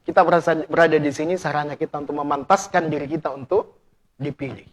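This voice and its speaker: A male preacher giving a lively, playful premarital class sermon, addressing the audience directly and testing them with questions. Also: a little high, fast, slight background noise. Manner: animated, playful, acts out couple dialogue in hushed voices.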